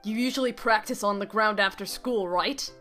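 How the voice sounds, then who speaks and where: A woman reading game text aloud in an even, matter-of-fact way. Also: medium pitch, moderate pace, soft background music. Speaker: game dialogue reader.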